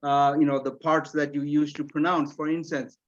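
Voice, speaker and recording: A man's voice: fairly high pitch, level tone, moderate pace, highs cut off. A man whose first language is Bengali explains pronunciation to teachers at an online forum, repeating words as he thinks. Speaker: presenter answering teachers' questions.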